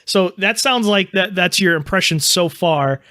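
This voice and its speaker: A man's voice: sits high, a little slow, sharp tone, dry recording, clean studio sound. A man hosting a casual video game podcast, upbeat as he leads the talk. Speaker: podcast host.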